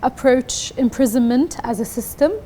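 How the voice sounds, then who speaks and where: A woman of Palestinian origin with a somewhat high, mellow voice asks brief, attentive interview questions. Between questions she offers short murmurs of agreement. Faint noise runs under the recording. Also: normal speed. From Palestinian, from Hebron.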